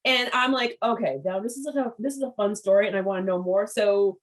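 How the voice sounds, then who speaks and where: A woman hosting a casual business interview, telling stories with lively acted-out quotes. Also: medium pitch, brisk, low-quality recording. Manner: animated storyteller, acts out quotes. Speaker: podcast host.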